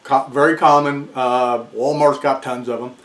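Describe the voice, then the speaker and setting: A man's voice: medium pitch, steady tone, moderate pace, a bit bright. An American man in his sixties giving a casual explanatory talk to camera. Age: 60s. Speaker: video presenter. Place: small furnished room indoors, seated in armchair. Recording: echoey small room.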